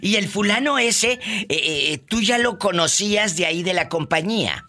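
A woman's voice: medium pitch, expressive, moderate pace, sharp tone. A woman hosting a radio call-in show, reacting eagerly and asking questions. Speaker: radio host.

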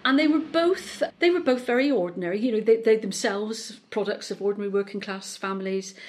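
A middle-aged woman from Bristol with a West Country accent softened by South Wales, talking chattily in an interview with frequent restarts and rolled R's. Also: medium pitch. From Bristol, England. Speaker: politician, interview guest. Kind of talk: conversational interview.

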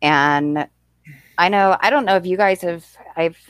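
A young American woman hosts a livestream, her voice low-ish, slightly bright and smooth, with no room sound. Unhurried, she rambles through casual stream chat and thanks viewers often.

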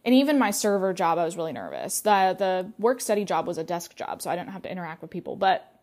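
A young adult woman from the United States hosts a podcast, casually talking about her own life in a chatty personal monologue packed with "like" and "um". Her voice sits on the low side, very animated, fast, and a little mellow.

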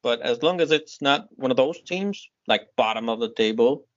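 A man co-hosting a casual football podcast, relaxed and chatty, cutting in with quick remarks. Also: medium pitch. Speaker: podcast co-host. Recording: dull lo-fi audio.

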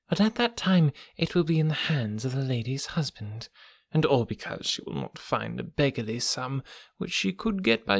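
A man voicing a smug, oily gentleman blackmailer in a soft, breathy, half-whispered purr, silky and mocking. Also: medium pitch, dry recording, studio quality, voice pushed up. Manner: silky and mocking, lingering on words. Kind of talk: audiobook character reading.

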